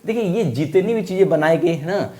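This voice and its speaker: A man teaching young children, speaking slowly, repeating each point and asking the class questions. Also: fairly high pitch, animated, warm tone.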